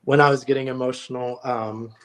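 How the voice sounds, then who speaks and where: A young adult man talking as a guest on a video call, telling a personal story in an earnest, reflective way with many hesitant pauses. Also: mid-range voice, level tone. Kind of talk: casual chat.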